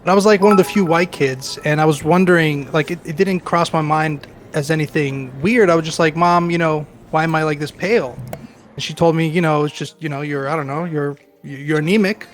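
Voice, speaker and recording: A man's voice: fairly high pitch, steady tone, a little fast, a little hiss or hum. A man around forty, chatting casually as a guest and telling his life story in a rambling, self-deprecating way with many fillers. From Queens, New York. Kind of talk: casual chat.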